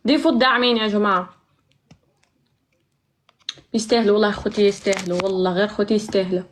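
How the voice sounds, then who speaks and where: A woman hosting a live stream, excitable and laughing, rapidly calling out to viewers. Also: mid-range voice, slight background noise. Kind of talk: casual live-stream chat.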